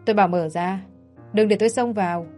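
A woman's voice: mid-range voice, fairly even intonation, fast talker, darkish tone, faint music behind, natural voice. A woman voicing a pushy, menacing young man in a spoken story, with a coaxing, threatening manner. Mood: angry.

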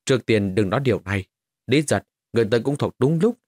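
Brief: a man doing a proud male warrior for an audiobook, loud, blunt, husky edge, close and dry. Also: mid-range voice, animated, quick pace, dry recording, close to an everyday voice. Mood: commanding.

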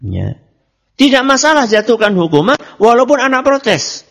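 A man's voice: very high-pitched, big pitch swings, moderate pace, gravelly, a bit bright. A man giving a religious study lecture on parenting, asking and answering his own questions. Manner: asks and answers his own questions, mixes in Javanese words. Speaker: Islamic preacher.

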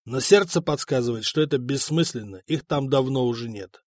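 A man's voice: medium pitch, brisk, a little hiss or hum, close to an everyday voice. A man voicing an old grey-haired king who speaks in a blunt, commanding, scornful way. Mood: stern, commanding.

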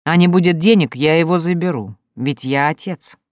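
A reader voicing a rough, drunk, brutal man who threatens and snarls slowly and loudly in an audiobook. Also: medium pitch, dry recording, clean studio sound, natural voice. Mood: menacing. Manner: coarse, menacing, slow and loud. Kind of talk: audiobook character voice.

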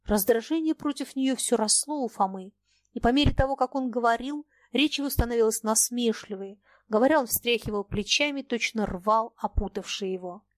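Woman narrator for an audiobook, higher voice, steady pace, dry close mic. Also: moderate pace, no room sound. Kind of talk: scripted narration.

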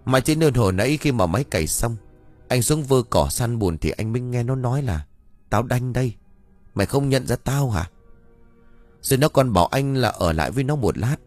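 A man's voice: medium pitch, animated, normal speed, darkish tone, soft background music, natural voice. A man voicing a usually fearless village husband who is now uneasy and bewildered, speaking hesitantly in an audio ghost story.

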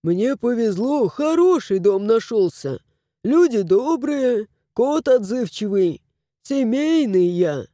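A woman's voice: a little high, very animated, slow, mellow, no room sound, studio quality. A woman voicing an old male house spirit who speaks in a folksy, old-fashioned way, exclaiming and lamenting. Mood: grumbling. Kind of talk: audiobook character voice.

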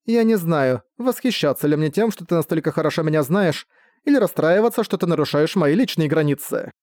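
A man's voice: fairly high pitch, animated, brisk, darkish tone, dry recording, studio quality, voice pushed up, close to an everyday voice. A man reading an audiobook, voicing a manipulative, desperate woman villain who pleads and persuades. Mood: persuasive.

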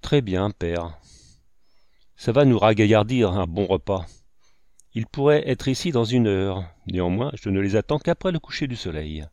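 A dutiful, eager young frontier son , as a man reads him, explaining himself politely. The voice is on the low side. The sound is dry and close. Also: animated, normal speed, a little mellow, dry recording.

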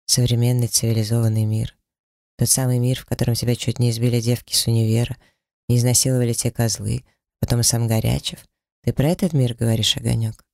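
A man voicing a brooding, bitter young heir in an audiobook, speaking gravely. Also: mid-range voice, little pitch movement, quick pace, darkish tone, no echo, clean studio sound, lightly acted. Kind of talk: audiobook character reading.

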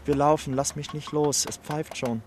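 A man playing a hoarse, stubborn homecoming soldier. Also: fairly high pitch, steady tone, moderate pace, noisy background, close to an everyday voice. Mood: fierce. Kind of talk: stage play performance.

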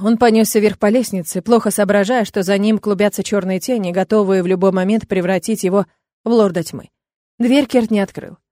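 A woman narrating a fantasy audiobook in a steady, even reading voice. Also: medium pitch, no echo, clean studio sound. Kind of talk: scripted narration.

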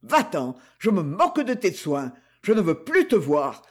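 Brute husband, raised and harsh, scornful, read by a man in a husky high voice. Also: wildly swooping pitch, measured pace, a little mellow, full character voice. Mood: furious. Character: brutal domineering husband, furious and sneering.

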